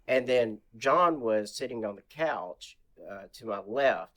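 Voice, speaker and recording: A man's voice: medium pitch, takes it slowly. Rambling male guest telling a story. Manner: animated retelling, acts out quotes in a raised voice; rambling, many restarts and fillers. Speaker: interview guest. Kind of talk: casual storytelling.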